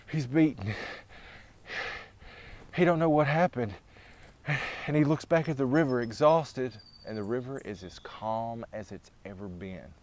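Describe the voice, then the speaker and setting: A man tells a legend in a loose, spoken style, with a voice of middling pitch. He builds drama through repeated phrases, then backs up and restarts his sentences casually. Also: darkish tone. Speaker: storyteller. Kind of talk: oral storytelling of a legend.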